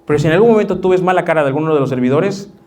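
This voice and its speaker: Pastor, male, higher voice, lively sermon delivery with acted-out quotes. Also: racing. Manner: acts out quoted voices of churchgoers, lively preaching.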